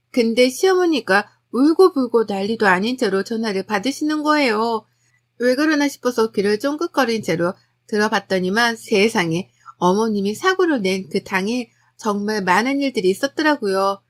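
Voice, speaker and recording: A woman telling a first-person family story as scripted narration, in a chatty, gossipy confessional way. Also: fairly high pitch.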